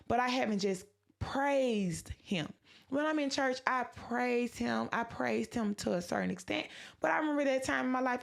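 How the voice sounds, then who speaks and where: Gravelly-voiced woman telling a faith story. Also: medium pitch. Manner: conversational, storytelling with frequent asides and quoted dialogue. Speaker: podcast host. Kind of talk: casual faith testimony.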